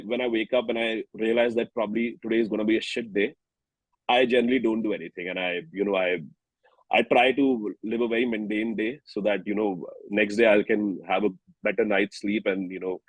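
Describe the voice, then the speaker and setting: Interviewed about his work as a singer-songwriter, a New Delhi man with an Indian accent reflects in a halting way, frequently rewording his thoughts. His voice is lowish, captured on a dry, rough recording.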